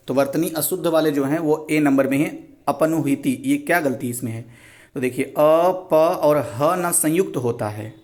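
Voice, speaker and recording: A man teaching an exam revision lesson and going through answers one by one. He talks patiently and slows down to read quoted sentences aloud. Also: mid-range voice, darkish tone. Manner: explains slowly and patiently, reads out quoted sentences. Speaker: Hindi exam tutor.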